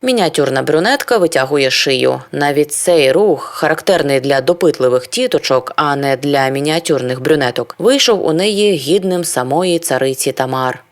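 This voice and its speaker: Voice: mid-range voice, normal speed, few pauses. A reader narrating a literary novel in the first person, brooding and introspective, often turning to rhetorical questions. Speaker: audiobook reader.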